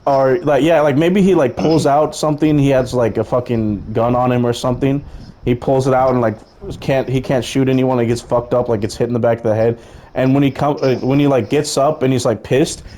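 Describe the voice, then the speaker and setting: A young man casually pitching a film idea, rambling and profane, often laughing at his own story. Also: steady tone, brisk, warm tone.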